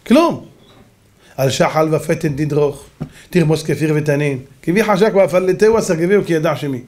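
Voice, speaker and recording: A rabbi giving a lively sermon, telling stories and acting out the characters with shouts. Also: male voice, sits high. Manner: animated, acts out voices and shouts in stories. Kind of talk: sermon with dramatic storytelling.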